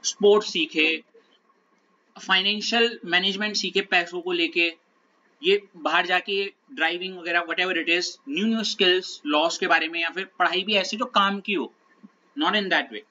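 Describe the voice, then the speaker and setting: A man's voice: sits high, steady tone, a little slow, pushed and bright, dull audio. A male teacher giving a conversational classroom talk, often checking that his students are following. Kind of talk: classroom talk, lecture digression.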